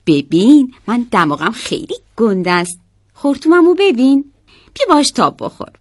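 A woman's voice: fairly high pitch, very animated, no room sound, clean studio sound. A woman voicing a kind-hearted elephant that eagerly offers its trunk.

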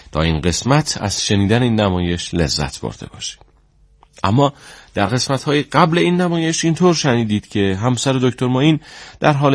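A man narrating a radio drama in a formal, measured way. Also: low-pitched, no echo. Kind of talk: scripted narration.

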